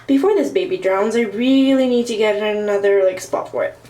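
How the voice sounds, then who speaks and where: Indoors, moving between her apartment room and bathroom, a teenage girl from southern California hosts a casual plant tour vlog. Her warm, mid-range voice runs a little fast, with a slight Armenian Russian accent and plenty of fillers as she shows off her home.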